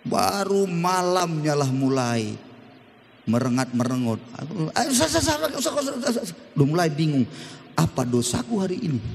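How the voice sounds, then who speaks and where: Lively pastor, preaching. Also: male voice, on the high side, measured pace, creaky. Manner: lively, humorous, audience call-and-response. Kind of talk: sermon. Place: church. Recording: long church-hall reverb.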